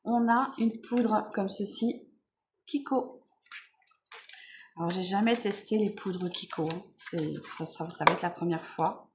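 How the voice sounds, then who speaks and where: A woman vlogger chatting casually while unboxing beauty products, relaxed, with many fillers and self-corrections. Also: medium pitch, takes it slowly, background noise.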